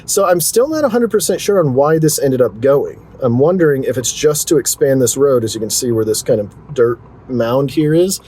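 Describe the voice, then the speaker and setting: A man's voice: mid-range voice, expressive, moderate pace, hardly any pauses, mellow, breathy edge. A man casually narrating a driving tour as a real estate guide, chatty and self-deprecating, with joking asides. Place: inside a moving car. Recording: car road noise behind.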